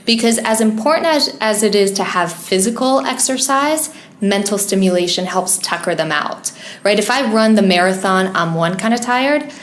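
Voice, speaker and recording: A woman's voice: mid-range voice, lively intonation, moderate pace. Earnest woman explaining, echoey room. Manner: earnest, explanatory, laughs easily. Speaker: podcast co-host, pet wellness expert. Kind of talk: casual podcast chat. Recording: roomy echoey podcast recording.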